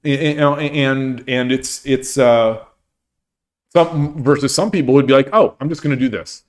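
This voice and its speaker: Chatting at length on a casual livestream, a male streamer and host answers chat comments, with lots of restarts and fillers. His voice is medium in pitch and a little slow, and English is his first language.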